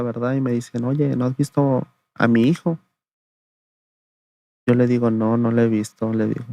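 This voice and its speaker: Gravelly man telling his story flatly. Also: mid-range voice, dry recording. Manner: gravelly, flat storytelling, often adding "le digo" and "¿verdad?". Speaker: interview guest giving testimony. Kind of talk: conversational testimony.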